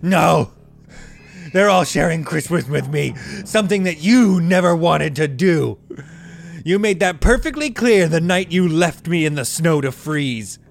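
A man playing a crazed, jolly yet menacing mall Santa in a comedy sketch, booming and theatrical. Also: expressive, measured pace, creaky. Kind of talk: comedic sketch acting over music.

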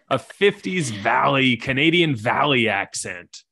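A man's voice: medium pitch, big pitch swings, extremely slow, gravelly, bright, forceful tone, breathy edge. A man hosting and narrating an improvised comedy story in a playful, laughing way. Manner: playful, laughing through lines. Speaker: host and narrator.

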